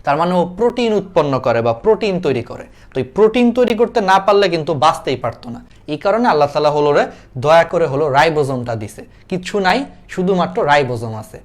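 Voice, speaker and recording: A man's voice: a little high, very animated, quick pace. A young man teaching an online biology class in a chatty way, repeating key points and asking them back as quiz questions. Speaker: biology tutor.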